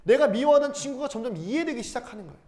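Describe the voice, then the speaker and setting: A male pastor preaching a sermon, asking the congregation questions and answering them himself, and reading scripture aloud slowly. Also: very high-pitched, expressive, a little mellow. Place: church sanctuary. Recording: long hall reverb.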